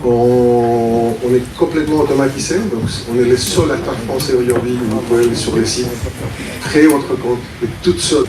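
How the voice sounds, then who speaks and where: A man from Mexico, a startup founder, giving a conference pitch talk and explaining his idea in a casual, thinking-aloud way. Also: fairly even intonation, normal speed, crowd noise. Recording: roomy, distant mic, audible room noise.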